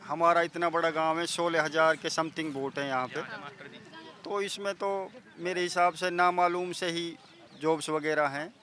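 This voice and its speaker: A man, a villager answering a reporter outdoors in a measured, articulate way. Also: a little high, fairly even intonation, bright, forceful tone. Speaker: villager interviewee. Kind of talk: interview answers.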